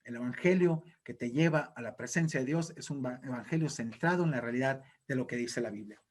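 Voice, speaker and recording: A male pastor preaching a sermon in an emphatic, exhorting way. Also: on the high side.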